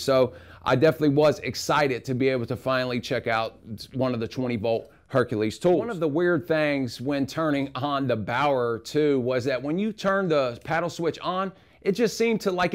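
Male tool reviewer, casual and frank, recorded in a home garage. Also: mid-range voice. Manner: relaxed, rambling, frank opinions.

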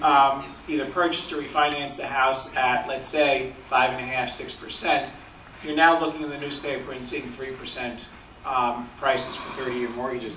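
A man's voice: medium pitch, a bit bright, slight background noise. Middle-aged man presenting in an echoey hall. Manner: explanatory, plain-spoken with frequent ums. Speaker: bank economist speaker. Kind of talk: business presentation talk. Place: large function hall at a podium. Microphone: podium mic, filmed from the audience. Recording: echoey hall, distant from the camera.

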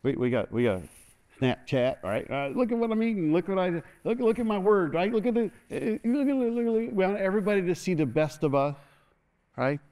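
A middle-aged man preaching with a fairly high voice. He moves about a large church stage as he speaks. He keeps calling out to the congregation for amens. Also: a little fast. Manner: animated, moves about the stage, call-and-response asking "amen". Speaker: pastor. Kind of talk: sermon.

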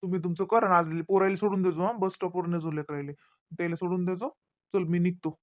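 A woman doing a hurried cartoon dad. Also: on the low side, steady tone, natural voice. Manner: hurried, dismissive. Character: hurried father leaving for work. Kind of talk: cartoon voice acting.

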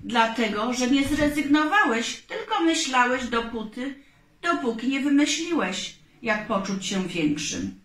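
A woman's voice: sits high, lively intonation, a little slow, a bit bright, roomy sound. A woman reading aloud, voicing a caring mother kangaroo who speaks tenderly. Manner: tender, reassuring.

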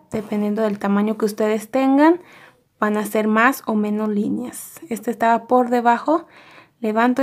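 Calm woman talking through embroidery steps. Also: a little high. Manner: calm, methodical, repeating each stitch step. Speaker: embroidery teacher. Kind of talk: step-by-step craft tutorial.

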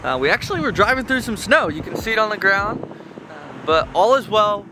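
A young man in his twenties chats upbeat road-trip updates to a handheld camera held at arm's length, moving between a car and a parking lot at night. His high voice is very animated and a little fast. Background noise comes through in this casual travel vlog.

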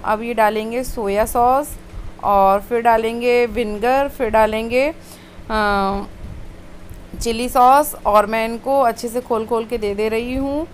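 A woman's voice: on the high side, a little hiss or hum. A woman vlogger chatting casually over home video of her kitchen, homely storytelling with many fillers.

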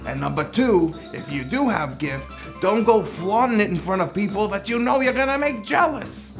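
A man playing an excitable, fatherly old apostle who chides with rhetorical questions in a comic children's monologue. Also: sits high, moderate pace, creaky, faint music behind. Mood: exasperated. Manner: chiding, rhetorical questions, nervous chuckles. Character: excitable, scolding, fatherly elderly Apostle Paul. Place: studio, costumed before a cartoon backdrop.

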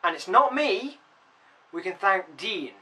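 A man chats and teases in a casual comedy vlog. His voice is high and bright. He sounds a little distant from the camera mic. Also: sing-song, slow. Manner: playful, teasing, giggly. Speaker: vlogger.

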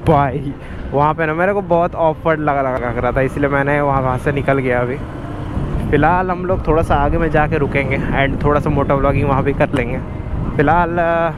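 A man's voice: fairly high pitch, moderate pace, music in the background. A young man chatting casually as he rides a motorbike, mixing English words into his talk and laughing often, recorded on a helmet mic. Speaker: motovlogger. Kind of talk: casual motovlog chat while riding. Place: outdoors on a road, riding a motorbike. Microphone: helmet-mounted mic. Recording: wind and traffic noise on a road. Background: traffic and wind.

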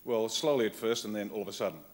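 At a conference, an Australian man delivers a political keynote to a live audience in the hall, blunt and wry in short, punchy phrases. His voice sits on the low side and moves at a quick pace, with slight background noise.

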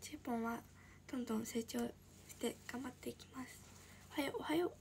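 Soft-whispering high-voiced young woman. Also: fairly even intonation, fast, slight background noise. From Shizuoka, Japan. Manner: soft-spoken, often drops into a breathy whisper. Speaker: idol livestreamer. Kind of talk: casual livestream chat reading viewer comments.

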